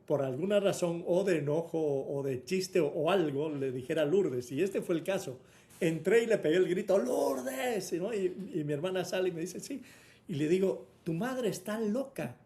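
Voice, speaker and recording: Man, high voice, earnest personal testimony, hesitant restarts, acts out dialogue. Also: mellow. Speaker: guest sharing a faith testimony.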